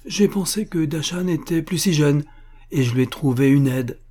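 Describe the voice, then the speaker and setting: A man's voice: a little high, normal speed, warm tone, voice pushed up, close to an everyday voice. A man reading aloud, voicing a cheerful young student speaking to his mother in a light tone. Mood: cheerful, pleading.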